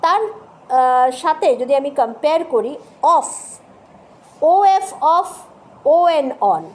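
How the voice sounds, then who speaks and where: A woman's voice: high voice, measured pace. A woman teaching English pronunciation, spelling words out letter by letter, repeating sounds patiently and often checking that listeners follow. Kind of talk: spoken lesson with spelled-out words.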